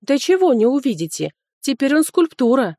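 A woman reading an audiobook, voicing a chattering young female servant who gossips in excited exclamations. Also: high voice, normal speed, no room sound, studio quality, voice pushed up, full character voice.

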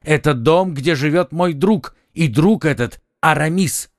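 A man's voice: on the high side, unhurried, no echo, clean studio sound, voice pushed up, natural voice. Man doing an ardent young nobleman. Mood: insistent. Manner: earnest, insistent. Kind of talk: audiobook acting.

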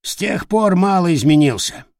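A man voicing a sarcastic, teasing male parrot with a creaky, grating voice in an audiobook. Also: high voice, lively intonation, normal speed, darkish tone, no room sound, clean studio sound, voice pushed up. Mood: smug. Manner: mocking, smug. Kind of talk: audiobook character voice.

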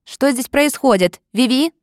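A woman reading an audiobook, voicing a bold young woman who shouts fiercely to defend her friend. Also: sits high, animated, measured pace, dry recording, studio quality, pitched above the performer's own voice. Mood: shouting. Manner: loud, shouting.

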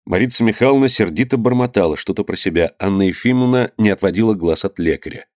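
A man narrating a historical novel in a calm, measured storytelling manner. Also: fairly low pitch, dry recording, studio quality.

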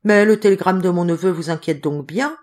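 A woman's voice: fairly low pitch, fairly quick, darkish tone, lightly acted. A woman reading an audiobook, voicing a curt, irritable older man who speaks brusquely.

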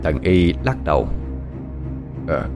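A man narrates a spoken horror story in a dramatic storytelling manner. His voice sits low but moves widely in pitch, with faint music underneath. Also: very animated, normal speed.

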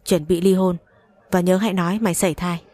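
A woman's voice: fairly low pitch, level tone, a little fast, mellow, no room sound, natural voice. A woman voicing a cold-blooded, arrogant young rich man who speaks with contempt. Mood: contemptuous. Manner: contemptuous, curt.

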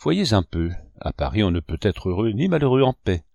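Man voicing a gentle painter uncle, fatherly, low voice, dry storybook reading. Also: sing-song, a little fast, vocal fry, no room sound. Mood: kindly. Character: kindly grave male painter, an uncle.

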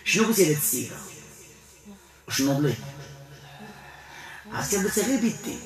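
A man with a Moroccan accent leading a ruqya exorcism session, questioning and commanding a spirit in a forceful, interrogating manner. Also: high voice, very animated, quick pace, echoey room. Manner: commanding, interrogating, with Quran recitation. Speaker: ruqya healer.

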